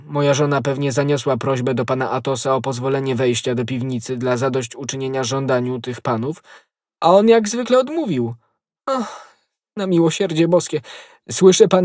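A man's voice: medium pitch, a little mellow, dry recording, clean studio sound, lightly acted. A man voicing a frightened innkeeper in an audiobook, talking in an anxious, pleading way. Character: frightened male innkeeper, wringing his hands. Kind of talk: audiobook role.

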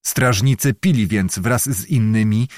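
A man's voice: on the low side, no echo. Man reading with a dry, close sound. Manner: steady, measured, descriptive reading. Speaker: audiobook narrator. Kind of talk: scripted literary narration.

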